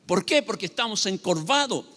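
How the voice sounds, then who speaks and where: A man's voice: sits high, expressive, normal speed, sharp tone, big-room sound. A man preaching a sermon as pastor, emphatic and asking his listeners rhetorical questions.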